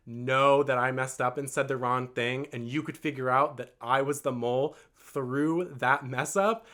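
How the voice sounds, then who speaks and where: A male vlogger tells a long storytime tale, earnest and rambling, leaning heavily on "like" and "um." He speaks at a medium pitch with a fairly bright tone.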